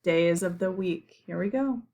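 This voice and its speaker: A woman speaks like a kindergarten teacher guiding young children through a lesson, cheering them on with simple, repeated phrases and pausing for their answers. Her voice is on the low side, and the background is noisy.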